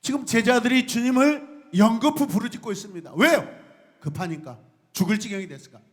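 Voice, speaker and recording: A man preaching a sermon to his congregation, lively and often shouting out cries and calling on the people to join in. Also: very high voice, a little fast. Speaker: pastor.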